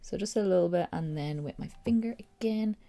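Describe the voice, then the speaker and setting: A young woman chats casually through a makeup tutorial, her voice stuffy and nasal from a cold. It sits on the low side, a little fast and mellow, and her manner as a makeup vlogger is chatty, rambling and upbeat.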